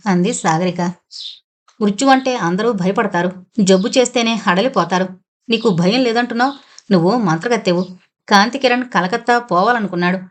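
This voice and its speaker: A woman reading a novel aloud as an audiobook narrator, voicing every character in her own voice. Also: mid-range voice.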